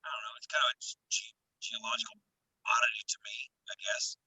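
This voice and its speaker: A man chatting casually over a video call, his voice breaking into glitchy robotic pitch jumps as the connection garbles it. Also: huge pitch swings, fast, bright, forceful tone, slightly rough, no echo, whispered, rough recording. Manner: rambling, folksy, trails off mid-sentence. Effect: glitchy internet audio with robotic pitch jumps.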